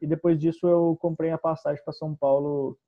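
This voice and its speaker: A young man from southern Brazil, a stand-up comedian talking casually and quietly about his path to the stage. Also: fairly high pitch, a little fast, dull audio. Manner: relaxed, soft-spoken storyteller. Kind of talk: casual podcast conversation.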